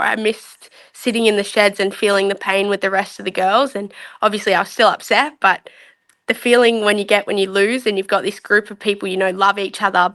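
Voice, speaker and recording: Speaking openly and easily, a young rugby league player guests on a podcast for a relaxed, candid interview chat. She talks at medium pitch, and her voice sounds pushed and bright.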